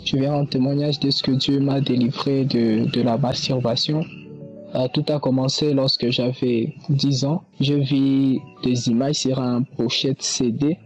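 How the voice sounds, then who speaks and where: Congolese man giving a halting testimony. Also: medium pitch, level tone, highs cut off, faint music behind. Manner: halting, with filler pauses. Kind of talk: spoken testimony.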